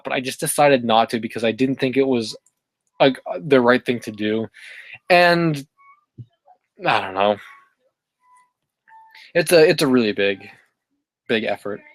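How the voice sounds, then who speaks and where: A man's voice: medium pitch, measured pace, pauses often. A man chatting casually on his live stream, his voice sitting in the middle range for a man. He rambles, restarts and corrects himself as he goes. The sound is close and dry, with no room echo. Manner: rambling, many fillers and self-corrections. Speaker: livestream host reading chat.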